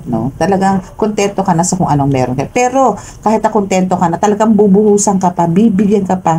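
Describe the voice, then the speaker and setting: A Filipino woman doing a tarot reading for her viewers, with a low, dark and mellow voice. She talks emphatically and keeps checking in with her listeners. A faint hiss of noise sits under her voice. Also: poor audio. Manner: emphatic, keeps asking "no?" and "okay?". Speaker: tarot reader.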